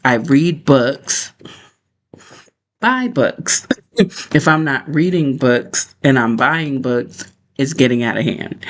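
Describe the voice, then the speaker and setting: Man, medium pitch, chatty, informal, rambling, book livestream host. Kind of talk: casual livestream chat.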